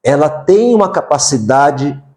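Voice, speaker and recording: A man's voice: a little high, animated, measured pace, darkish tone. A Brazilian man giving casual parenting advice to mothers on a live stream, often adding tag questions. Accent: Brazilian Portuguese. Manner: conversational, frequent tag questions. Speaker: parenting coach.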